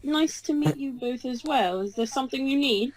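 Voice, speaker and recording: A woman's voice: high voice, normal speed, poor audio. A woman taking part as a player in tabletop role-play, speaking in a bashful, hesitant way.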